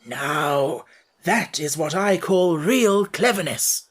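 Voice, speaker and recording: A woman's voice: on the low side, animated, normal speed, breathy edge, pitched above the performer's own voice. A woman voicing a proud, good-natured male scarecrow in a storybook reading.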